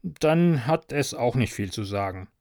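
A sly young peasant trickster from a storybook, as a male narrator puts him on, lifted well above the reader's middle pitch and full of coaxing liveliness. He sounds pleased with his own schemes, and the recording is close and dry, with no reverb. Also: very animated, measured pace, creaky, exaggerated voice. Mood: mock-grumbling.

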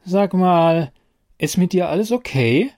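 A man's voice: medium pitch, animated, a little slow, darkish tone. A man voicing a chatty easygoing friend. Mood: concerned.

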